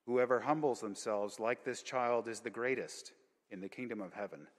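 A man's voice: medium pitch, normal speed. A man formally reading the gospel aloud during a church service, heard in a cathedral echo. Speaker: gospel reader. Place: large church.

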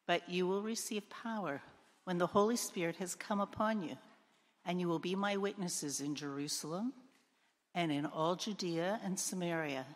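A woman reads the gospel as clergy would in a service, formal and solemn. Her voice sits a little low. Every phrase trails into a long cathedral echo. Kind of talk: formal liturgical gospel reading. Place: large church, indoors.

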